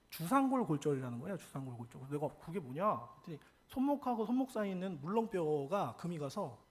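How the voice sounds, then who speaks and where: Young male Korean pastor, high, lively storyteller, husky, talks fast. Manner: animated, acts out quoted lines. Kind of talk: storytelling sermon.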